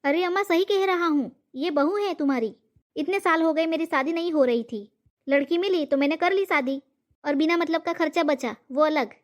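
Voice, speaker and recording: A woman voicing a cheeky young cartoon man who brags and coaxes, lazy and full of himself. His voice is pitched high for a grown man. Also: moderate pace, close to an everyday voice. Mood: cheeky explaining. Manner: boastful, coaxing. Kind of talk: cartoon comedy voice acting.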